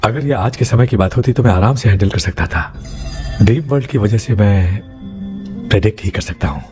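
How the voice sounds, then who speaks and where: A man acting in a comic sketch as a consultant, measured and inquiring. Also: fairly low pitch, a little mellow. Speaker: man playing a consultant called sir. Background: music.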